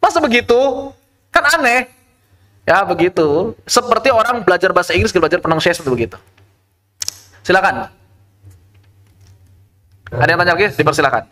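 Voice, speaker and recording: Bright-voiced male tajwid teacher. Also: sits high, expressive. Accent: Indonesian. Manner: explanatory, rhetorical questions, recites Arabic verse slowly. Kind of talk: online tajwid lesson.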